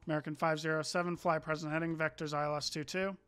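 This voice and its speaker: A man's voice: fairly high pitch, little pitch movement, quick pace, music in the background. A young man acting as an air traffic controller, giving clipped, procedural radio instructions for a flight simulator.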